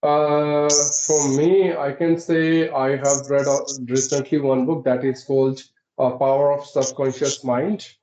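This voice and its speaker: A man's voice: mid-range voice, little pitch movement, measured pace, dark tone. A man from Uttarakhand, India who hosts an English-teaching channel, explaining politely in a conversation practice call. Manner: polite, explaining, frequent "right?". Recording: echoey, dull lo-fi sound.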